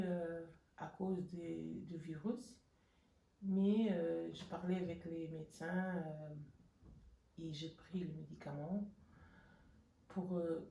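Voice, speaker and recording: A woman giving a hesitant anonymous testimony, her voice pitch-shifted deeper to hide who she is. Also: vocal fry, dark tone, reverberant, distant mic, slight background noise, low-quality recording. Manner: halting, hesitant, with many restarts and fillers. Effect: voice pitch-shifted deeper to disguise it. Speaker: anonymous interviewee. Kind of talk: personal testimony.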